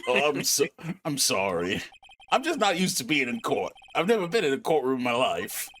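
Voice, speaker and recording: A man voicing a washed-up male clown witness with a deep, mopey voice who rambles through self-pitying jokes. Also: wildly swooping pitch, normal speed, a bit bright, a little hiss or hum. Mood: flustered. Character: washed-up middle-aged male clown witness, sad joker.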